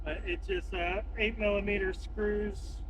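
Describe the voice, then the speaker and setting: A man with a high voice and fairly even intonation speaks a bit slowly while doing an installation on camera. As the installer in this how-to video, he talks informally and unscripted, reasoning aloud, amid clear vehicle noise.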